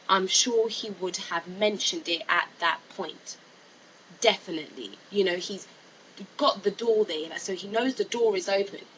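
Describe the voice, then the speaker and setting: A woman narrates a video with informal opinion commentary, her fairly low voice bright and forceful. She is hesitant and repetitive, leaning heavily on "you know" and "like," and the amateur voice-over is noisy with clear hiss.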